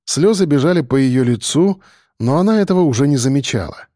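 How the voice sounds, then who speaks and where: A male narrator reading a story with a dramatic, expressive delivery. His voice sits a little high for a man and swings widely in pitch. The recording is dry and close. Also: a little fast, dry recording. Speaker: audiobook narrator. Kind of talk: scripted narration.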